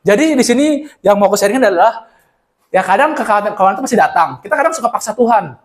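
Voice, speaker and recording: Pemuda berkhotbah cepat dan bersemangat. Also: male voice, sits high, rapid-fire. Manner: animated, acts out Bible scenes in slang. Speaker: church speaker. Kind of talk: casual sermon sharing.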